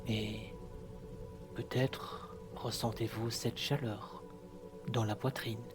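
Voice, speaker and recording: A man guiding a hypnosis session in a soft, sultry, soothing, hushed voice with long pauses. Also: on the low side, flat delivery. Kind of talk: slow guided hypnosis narration. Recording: music behind the voice. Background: clear background music.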